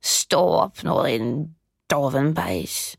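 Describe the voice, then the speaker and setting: A woman voicing a wicked old female witch who eats children, talking in a sly, menacing, drawn-out way. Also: very deep voice, very animated, creaky, dry recording, clean studio sound, pitched below the performer's own voice, exaggerated voice. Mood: commanding.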